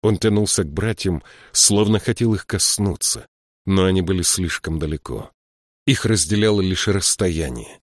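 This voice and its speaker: A man narrating a fantasy audiobook in a steady, measured storytelling voice. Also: deep voice, no echo, studio quality. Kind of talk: scripted narration.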